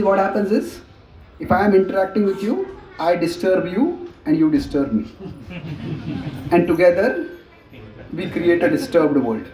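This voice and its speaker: A man's voice: sits high, a little mellow. A man gives a spiritual lecture, explaining points and acting out quoted voices while answering audience questions. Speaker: spiritual teacher. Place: lecture hall indoors. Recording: echoey hall, mic at a distance, faint noise.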